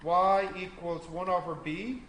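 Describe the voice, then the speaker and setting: A man's voice: high voice, fairly even intonation, measured pace, fairly bright tone. A man tutoring a maths class, explaining step by step and quizzing students as he goes. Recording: echoey classroom with faint noise.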